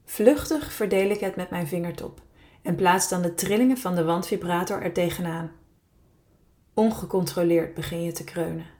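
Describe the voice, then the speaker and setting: A woman with a fairly low voice reads her own erotic story in the first person. Her delivery is slow, sultry and intimate, as if speaking close to a single listener. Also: darkish tone.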